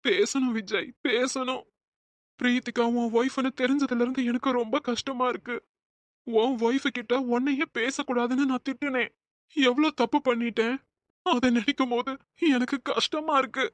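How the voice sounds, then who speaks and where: A woman plays a guilt-stricken young cartoon man with a somewhat high voice, recorded dry. He speaks in anguish and blames himself. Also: fairly even intonation, moderate pace, no echo, natural voice. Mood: remorseful. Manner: anguished, self-blaming. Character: remorseful, tearful young man, a guilty friend. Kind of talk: Tamil cartoon voice acting.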